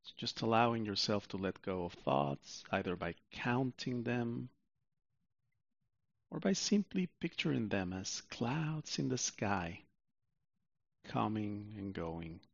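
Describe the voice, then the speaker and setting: A man with a low, gravelly, sing-song voice narrates a sleep meditation story at a soothing, leisurely pace, pausing at length. The recording is muffled and dry.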